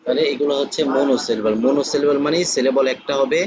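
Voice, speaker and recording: Man teaching slowly with repetition. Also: mid-range voice, steady tone, a little mellow, muffled recording, slight background noise. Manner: slow, repetitive explaining. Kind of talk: classroom lesson to students.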